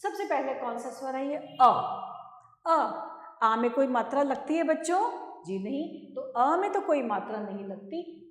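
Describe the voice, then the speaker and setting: A woman teacher explaining a lesson and pronouncing words slowly and carefully for children. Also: sits high, expressive. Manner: slow, drawn-out teacher's pronunciation drills. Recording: echoey room with long reverb.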